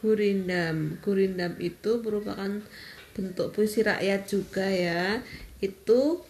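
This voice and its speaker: A woman, patiently explaining step by step with pauses in an informal interview. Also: medium pitch, darkish tone, reverberant. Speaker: interviewed mother explaining a school lesson.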